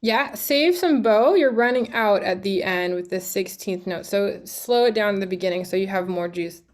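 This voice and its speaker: A woman's voice: mid-range voice, moderate pace. A woman coaching a young string player in a studio class. She talks in a chatty, encouraging way, sings out phrases to show what she wants, and fills her sentences with "like" and "um". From Canada. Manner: encouraging, chatty, many fillers and sung examples. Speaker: music teacher.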